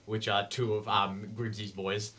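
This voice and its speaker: A man's voice: lowish voice, little pitch movement, a little slow, bright, forceful tone. A man running a tabletop game as game master, narrating in a loose, rambling way full of fillers. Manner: rambling, filler-heavy, profane.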